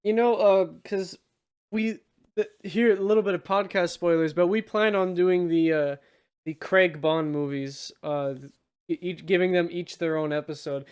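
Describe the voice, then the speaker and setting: Somewhat drunk from drinking during the episode, this male podcast host reviews movies in loose, emphatic banter with the occasional curse. He speaks in a smooth, steady, high-sitting voice at normal speed.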